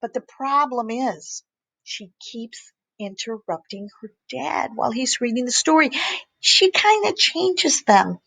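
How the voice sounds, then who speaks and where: A woman teacher reading bedtime stories aloud to young children, animated and sing-song. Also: on the high side, measured pace, creaky, slightly rough, dry recording.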